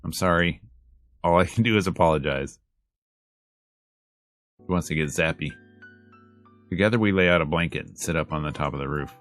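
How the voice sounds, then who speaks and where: Reading narration and dialogue in a laid-back, slangy let's play, a low-voiced man sounds like a streamer playing a visual novel over quiet music. He speaks at a normal speed with frequent pauses and a fairly bright tone, and the audio is clean, echo-free studio quality.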